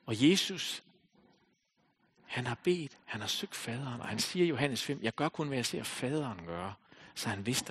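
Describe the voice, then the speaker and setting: Male pastor, sermon, scripture reading and preaching, husky voice, very animated pitch, loud calls and hushed asides. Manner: expressive, rising to loud calls and dropping to near whispers.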